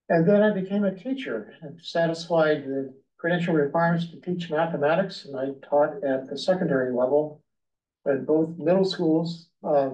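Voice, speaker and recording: This is an older man leading a public committee meeting, with courteous, brief acknowledgements between members. His voice sits somewhat high. He is picked up from a distance on a dull, muffled recording. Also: a little mellow. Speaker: committee chair. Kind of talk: running introductions at a public meeting.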